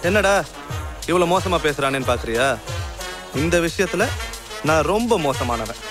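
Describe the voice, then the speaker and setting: A man's voice: on the high side, lively intonation, normal speed, close to an everyday voice. An actor playing a sleazy, boastful young male blackmailer who leers and threatens. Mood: menacing. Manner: boastful, leering, menacing. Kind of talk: Tamil film drama. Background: film score music.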